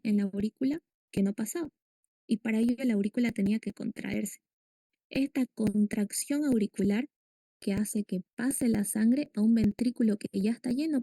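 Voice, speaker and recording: A woman teaching a medical class, explaining step by step and putting questions to her students. Her voice sits a little high, with a gravelly edge and a mellow, dark tone. The sound is dry and close. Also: no room sound. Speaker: lecturer. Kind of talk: medical lecture.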